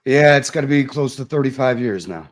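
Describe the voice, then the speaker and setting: A man's voice: medium pitch, animated, fairly quick. A man from Toronto, Canada, chatting casually as an actor guest, easygoing and agreeable. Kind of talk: casual chat.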